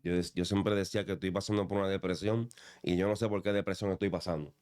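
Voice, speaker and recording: A man hosting a faith podcast, with a lowish voice. He talks like a preacher, building exhortations around his questions. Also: fairly even intonation, quick pace, a little mellow. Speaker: podcast host. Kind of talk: interview, preaching tone.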